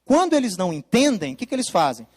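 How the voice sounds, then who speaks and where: A man's voice: high voice, huge pitch swings, quick pace, darkish tone. A man gives a Bible lesson over slides, explaining emphatically and repeating his key points. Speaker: Bible teacher. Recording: long reverb.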